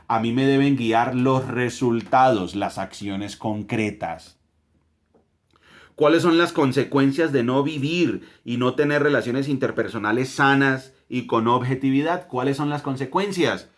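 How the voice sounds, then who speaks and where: A man's voice: mid-range voice, normal speed. A man with a Colombian accent, teaching a Bible lesson to his family, emphatic, with rhetorical questions and repeated phrases.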